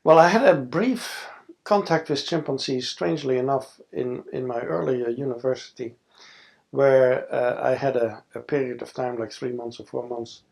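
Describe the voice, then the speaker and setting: In a studio with a backdrop, a lapel mic picks up a sixty-something Dutch scientist being interviewed for an oral history. His voice is mid-range, gravelly and darkish, at a moderate pace. He speaks thoughtfully, though fillers and restarts come often.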